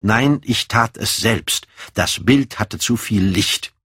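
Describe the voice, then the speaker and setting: A man's voice: lowish voice, slow pace, fairly bright tone, breathy edge, no echo, clean studio sound, exaggerated voice. A man reading an audiobook, voicing a proud, secretive and volatile young man in a raised voice. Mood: evasive.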